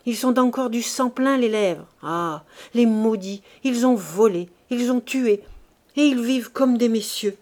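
A woman's voice: sits high, measured pace, darkish tone, voice pushed up. A woman voicing a haunted, furious old madwoman who cries out and raves in a singsong. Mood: raving. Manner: wild cries and singsong ravings.

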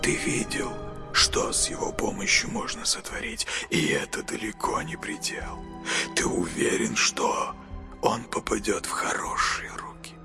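A man voicing an eerie boy familiar spirit in a hissing, breathy whisper, soft and urgent. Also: fairly low pitch, huge pitch swings, unhurried, music in the background, heavily acted. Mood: urging.

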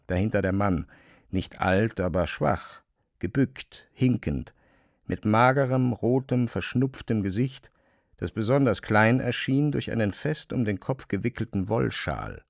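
A man reading literary narration for a radio play, measured and even. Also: fairly low pitch, vocal fry, no room sound, studio quality.

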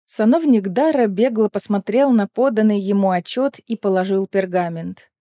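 A woman narrating a fantasy audiobook in an even, measured storytelling voice. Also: medium pitch. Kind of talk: scripted narration. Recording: dry close mic with faint music.

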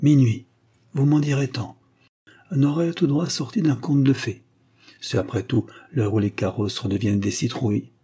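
A man's voice: medium pitch, moderate pace, mellow, breathy edge, close to an everyday voice. A man reading a witty young count. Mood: teasing. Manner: playful, ironic banter.

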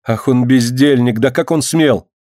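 A pleading, guilt-stricken noblewoman from old Russia, as a male reader puts her on, hushed and archaic in her speech. The voice is dark and mellow. It sounds dry and close, like a storybook reading. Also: mid-range voice, measured pace, dry recording, lightly acted. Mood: anxious. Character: grieving guilt-stricken old-Russian boyar's wife, middle-aged woman. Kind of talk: audiobook reading.

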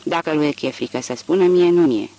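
A man voicing a rough, violent rural man with a hoarse, growling voice, blunt and defiant. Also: a little high, mellow, slight background noise, natural voice, poor audio. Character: rough, violent male country tough who lies.

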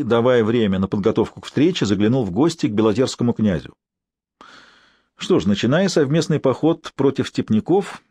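A man narrating a historical adventure audiobook in steady storytelling. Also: mid-range voice, no room sound, clean studio sound. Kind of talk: scripted narration.

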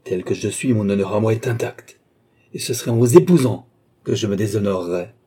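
A man's voice: mid-range voice, lively intonation, a little slow, breathy edge. A man reading an audiobook, voicing a proud young noblewoman who is furious and contemptuous. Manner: shouting, raging, contemptuous. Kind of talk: audiobook character voice.

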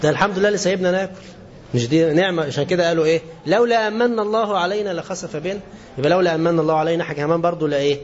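In a colloquial religious lesson, a man with an Egyptian Arabic accent and a slightly high voice keeps things lively, posing questions to the class and answering them. He slows down to stress quoted scripture. The lo-fi recording sounds dull, with faint hiss.

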